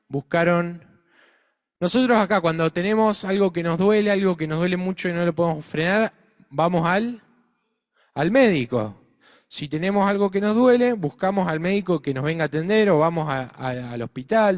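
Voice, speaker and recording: A man with an Argentine accent telling a story to children, expressive and asking his listeners questions. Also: high voice. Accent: Argentine Spanish. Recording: reverberant hall.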